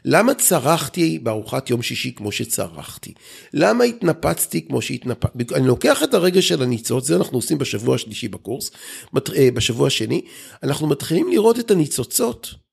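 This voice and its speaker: Gravelly, animated male therapist. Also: fairly high pitch. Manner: thoughtful, with frequent restarts. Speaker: group therapist, guest. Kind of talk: reflective conversational explanation.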